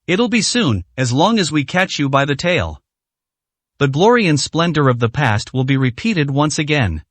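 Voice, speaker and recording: A man voicing a cold, commanding young male boss who speaks calmly and bluntly. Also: a little high, moderate pace, no room sound. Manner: calm and blunt.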